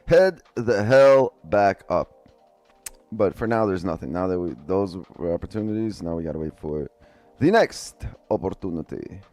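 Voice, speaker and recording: Faint music sits under this day trading streamer's deep, slightly mellow voice as he discusses his trades at a normal pace. Over a headset mic, he keeps things loose and chatty with his viewers, throwing in the odd swear word.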